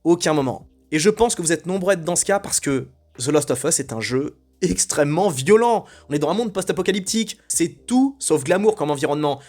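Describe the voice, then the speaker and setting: A man's voice: fairly high pitch, lively intonation, fairly quick, darkish tone, soft background music. A man delivering an opinionated commentary monologue in a blunt, indignant way, rambling and hesitating often. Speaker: video commentator.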